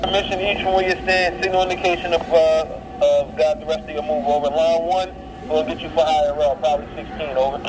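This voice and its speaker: A man's voice: a little high, fairly even intonation, quick pace, over music. A man making clipped, procedural railroad calls over a walkie-talkie radio. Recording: walkie-talkie radio, very noisy train station. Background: loud train and railway noise.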